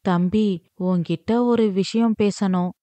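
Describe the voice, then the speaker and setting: A woman's voice: mid-range voice, steady tone, slow, mellow, no echo, close to an everyday voice. A woman voicing an older widowed mother who scolds her son in a wounded, reproachful way. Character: older widowed mother demanding lavish gifts.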